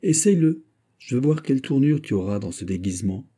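A man's voice: fairly low pitch, expressive, fast, mellow, slightly rough. A man doing a smug lecherous prince. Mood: smug, coaxing. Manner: smug, coaxing, teasing. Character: lecherous noble prince, mocking and pushy.

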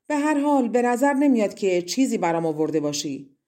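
A woman's voice: mid-range voice, very animated, lightly acted. A woman voicing a greedy, scornful old crone who walks with a cane and mocks as she talks. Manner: mocking, grasping, sharp-tongued.

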